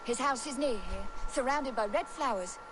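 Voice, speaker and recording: Actress as lovelorn village spinster, high-pitched, florid and melodramatic, bawdy, video game drama, clear background ambience. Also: female voice, normal speed, lightly acted. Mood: scornful, scheming. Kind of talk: theatrical video game acting. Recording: game ambience and rumble behind.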